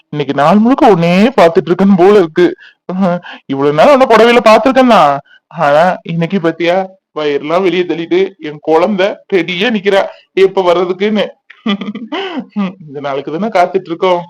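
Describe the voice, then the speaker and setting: A man's voice: sits high, no room sound, natural voice. Man voicing a teasing young husband.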